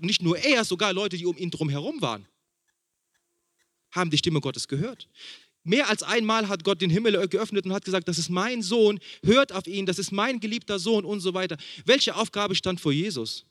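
A man preaching to his congregation, his voice somewhat higher than most men's. He stacks repeated phrases to build emphasis, then sinks to a soft, hushed delivery when he gets personal. The sound is close and dry, with no room around it. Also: dry recording. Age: young adult or middle-aged, father of a small son. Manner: preaching with rising emphatic repetition and questions to the congregation; drops to a soft hushed tone for intimate points. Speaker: pastor. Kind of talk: sermon.

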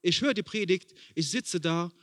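A man preaching to his congregation, his voice somewhat higher than most men's. He stacks repeated phrases to build emphasis, then sinks to a soft, hushed delivery when he gets personal. The sound is close and dry, with no room around it. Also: normal speed, no echo. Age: young adult or middle-aged, father of a small son. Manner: preaching with rising emphatic repetition and questions to the congregation; drops to a soft hushed tone for intimate points. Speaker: pastor. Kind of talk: sermon.

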